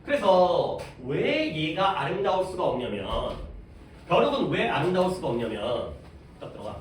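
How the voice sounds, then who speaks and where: A man's voice: a little high, big pitch swings, moderate pace. A male English teacher giving a classroom reading lesson, explaining step by step and putting questions to the class. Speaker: high school English teacher. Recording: echoey room, mic at a distance, faint background noise.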